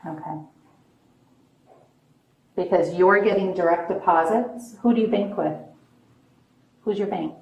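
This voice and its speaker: A woman police officer questioning a suspect in a measured, persistent, probing way. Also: lowish voice, vocal fry. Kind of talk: interrogation, calm questioning. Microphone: police bodycam. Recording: echoey, distant body camera audio with noise.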